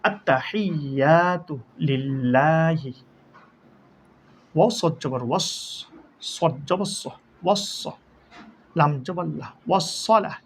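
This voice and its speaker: A man teaching Quran recitation, spelling letters and vowel marks one by one and then drawing out each word slowly. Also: fairly high pitch, slight background noise. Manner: slow, drawn-out syllable-by-syllable recitation.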